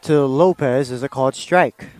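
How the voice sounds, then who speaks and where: A man calling baseball play-by-play, excitable on big plays and dry in his asides. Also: medium pitch, moderate pace, no echo. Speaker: play-by-play announcer.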